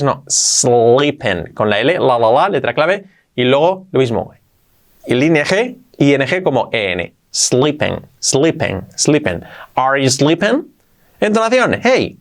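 Spanish-speaking teacher drilling English words. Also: male voice, medium pitch. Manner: repeats words slowly for pronunciation drills. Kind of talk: online English lesson.

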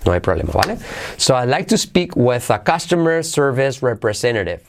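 Guy teaching english sounds, repeats each phrase slow, fast little asides in between. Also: mid-range voice, very animated, slight background noise. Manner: explains pronunciation step by step, repeats phrases slowly; switches between quick asides and slow drilled repetition. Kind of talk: podcast English pronunciation lesson.

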